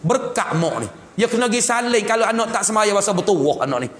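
A man with a Patani Malay accent teaching a religious text in a mosque, lively and joking as he acts out scenes of home life. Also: high voice, fairly quick. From southern Thailand. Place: mosque hall. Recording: echoey hall with long reverb.

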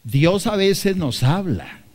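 A man's voice: high voice, expressive, slow, a little mellow. A man from Colombia with a Bogotá accent, preaching a sermon emphatically to his congregation, repeating phrases and addressing them directly. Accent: Colombian Spanish, Bogotá. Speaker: pastor.

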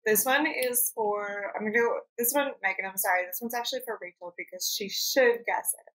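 Bright-voiced woman hosting a playful quiz. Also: mid-range voice, rough recording. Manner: playful, laughs often, quick asides. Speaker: podcast host and producer. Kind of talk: casual quiz chat.

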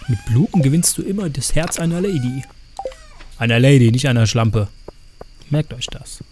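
A man's voice: mid-range voice, darkish tone, a little hiss or hum. A man giving casual, chatty gameplay commentary as a streamer, joking around and cursing in crude asides to his chat.

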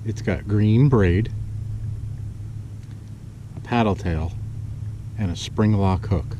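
A fishing vlogger with a lowish voice gets excitable out on a lake in his kayak, mixing excited exclamations with muttered asides as he casually narrates. An action camera mounted on the boat picks him up, giving dull outdoor audio full of wind and water noise.

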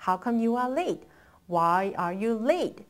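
A woman teaches English expressions in a language lesson. Her voice sits a little high and swings widely in pitch. Her pace is very slow, with deliberate drill repetitions between short explanations. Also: lively intonation. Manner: switches between quick Korean explanation and slow, deliberate English model phrases.

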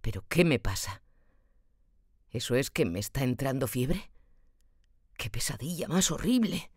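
A woman reads a tormented young man in an audiobook. He mutters in anguish, his voice dropping low and almost to a whisper. The sound is dry and close, with no room around it. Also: big pitch swings, a little slow, a little mellow, breathy edge, dry recording, full character voice. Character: tormented feverish young male student. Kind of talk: audiobook character voice.

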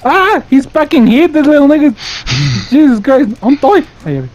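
A man bantering during a game, loud and excitable, cursing often and switching between English and Spanish. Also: very high-pitched, normal speed, dull audio. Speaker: gaming streamer. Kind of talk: casual gaming banter.

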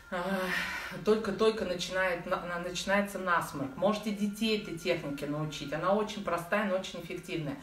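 A woman's voice: on the low side, fairly bright tone. Woman teaching in an echoey room. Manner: chatty, fond of affectionate diminutives. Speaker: breathing practice instructor. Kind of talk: informal instruction for beginners. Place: living room at home, indoors. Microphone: phone or camera set a little way off. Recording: echoey room, distant mic, faint noise.

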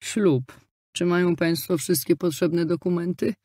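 A woman's voice: fairly low pitch, fairly even intonation, a little slow, warm tone, no room sound, studio quality. A woman voicing a stout, sweaty middle-aged priest who puffs his words out stiffly and dismissively. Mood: pompous.

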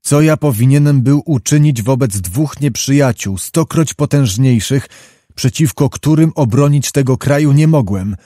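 Proud, bitter middle-aged prince, read by a male narrator; dark tone, dry close sound. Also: medium pitch, moderate pace, dry recording, close to an everyday voice. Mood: grave. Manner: grave, impassioned pleading.

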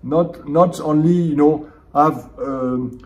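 The audio is muffled and the mic distant as a French theology professor and seminary dean, middle-aged, answers interview questions in an indoor conference room. His voice is fairly high, a little mellow, and slow, and he speaks thoughtfully with a French accent, often restarting phrases.

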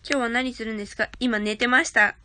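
In a fast, pushed, bright voice that's fairly high and fairly even, a young woman streams from her phone at her grandmother's house, with a little hiss or hum in the audio. She's chatty, thanks viewers for their gifts, and describes herself as a big sister.

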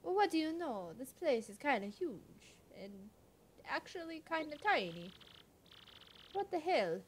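A woman's voice: sits high, sing-song, unhurried, slight background noise. A woman hosting a casual let's play, chatty, self-mocking and playful. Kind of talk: casual game commentary.

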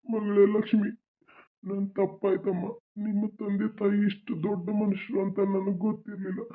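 Brief: a man playing a begging, repentant father-in-law; high voice, tinny recording. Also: completely flat delivery, moderate pace, close to an everyday voice. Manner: pleading, remorseful.

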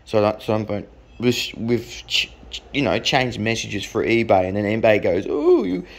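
A man's voice: on the low side, fairly even intonation, normal speed, creaky. An Australian man telling a blunt, profane anecdote in a rambling, casual way. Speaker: storyteller.

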